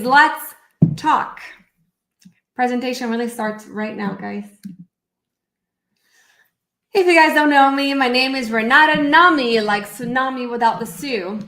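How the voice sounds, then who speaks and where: Her voice is fairly high and sharp-toned, echoing in a reverberant space. Raised in Brazil, this therapist is running a casual live stream, cheerfully chatting and talking herself through fixing the screen share as she sets things up.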